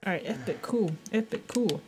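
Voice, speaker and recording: A woman's voice: mid-range voice, normal speed, very noisy. A young woman giving casual horror game commentary as a scared streamer, rambling with nervous sarcasm and slang and often repeating herself. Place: small indoor room at a desk.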